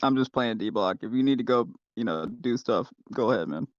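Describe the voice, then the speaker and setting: A man musing casually with other traders in a group voice chat, relaxed and hesitant. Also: medium pitch, a little fast, dry recording. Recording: dull dry online call audio.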